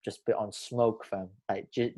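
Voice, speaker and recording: A man's voice: lowish voice, flat delivery, normal speed, dark tone. A young man with a London roadman accent, bantering casually and peppering his talk with street slang. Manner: slangy, peppers talk with bruv, fam and blood.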